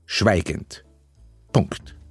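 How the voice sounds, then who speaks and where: A man's voice: extremely slow, no room sound, soft background music. A man reading a satirical story aloud in wry audiobook narration.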